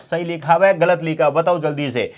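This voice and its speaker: A man with a fairly high voice teaches an online exam-prep class. He drills each word by saying it over and over slowly. He quizzes his students and teases them to answer fast. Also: lo-fi sound. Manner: playful teasing threats to hurry answers. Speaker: Hindi teacher.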